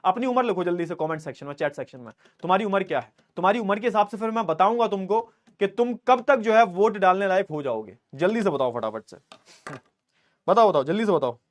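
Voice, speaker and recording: A man's voice: high-pitched, lively intonation, fast talker, hardly any pauses. A man in his twenties teaching an online class in a chatty, teasing way, reading student comments aloud and joking with them. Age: 20s. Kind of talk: live online class lecture.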